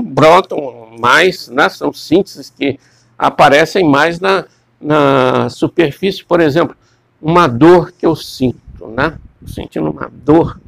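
A man's voice: on the high side, animated, takes it slowly, vocal fry, a bit bright, no room sound. A man giving a classroom lecture, rambling and repeating words as he questions his students.

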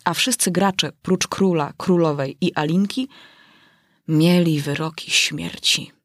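A woman narrating a classic children's story in a measured, expressive audiobook reading. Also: sits low, no echo, studio quality.

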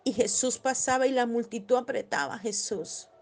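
A woman preaching a devotional sermon in a tender tone, slowing on scripture and crying out when she voices pleas. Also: on the high side. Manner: tender, rising to loud cries when voicing pleas.

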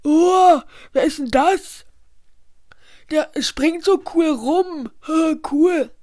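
Woman playing a goofy slow-talking boy. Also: high voice, no room sound, clean studio sound. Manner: goofy, excitable. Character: dim-witted cheerful boy pupil.

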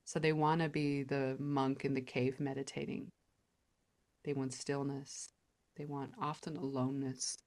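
Woman guest, low-pitched, earnest explainer on a podcast interview. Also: level tone, a little slow, a little mellow. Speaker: podcast guest, polarity teacher.

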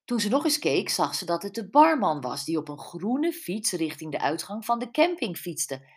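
A woman reading a mystery audiobook in a steady, measured narration. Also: lowish voice, breathy edge.

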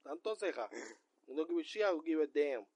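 A man co-hosting a podcast in casual pop-culture chat, ranting loudly with lots of profanity. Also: a little high, normal speed, dry recording. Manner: loud, profane, animated ranting. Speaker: podcast co-host.

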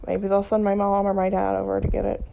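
Tired gravelly woman rambling on. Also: completely flat delivery, quick pace, warm tone, a little hiss or hum. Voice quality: gravelly, low-energy. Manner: meandering, with frequent ums and trailing sentences. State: tired and sick-sounding. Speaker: vlogger. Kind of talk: casual rambling monologue. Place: at home. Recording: dull lo-fi recording.

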